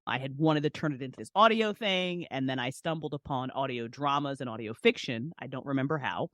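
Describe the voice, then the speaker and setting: A woman in her forties with a rumbling low, fairly bright voice speaks a little fast, with no echo. She's a podcast guest and audio drama creator, chatting casually in an informal, slangy, emphatic way.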